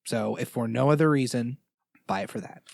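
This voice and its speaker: A man's voice: mid-range voice, brisk, vocal fry, a little mellow, no echo, studio quality. Joking podcast co-host, a young man. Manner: joking, rambling, affectionate. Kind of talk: casual banter. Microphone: close dynamic studio mic.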